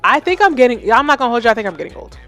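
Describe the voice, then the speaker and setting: A woman in her thirties hosts a live stream, reacting to submitted tracks in a loose, animated way and poking fun at herself. She talks straight to her chat. Faint music plays in the background. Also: fairly high pitch, racing. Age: 30s. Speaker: livestream host giving music feedback. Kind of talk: casual livestream commentary.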